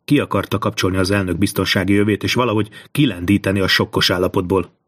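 A man narrating a thriller audiobook in a slow, measured reading. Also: low-pitched, fairly even intonation, fairly bright tone.

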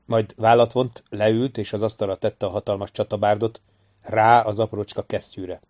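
A male audiobook narrator with a fairly low voice, reading scripted fiction in an even, unhurried way. His delivery is steady and plain, keeping the story moving without fuss.

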